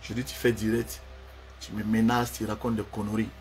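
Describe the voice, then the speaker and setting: A man's voice: lowish voice, little pitch movement, normal speed, slight background noise. A man, delivering a heated, confrontational personal rant and repeating himself for emphasis.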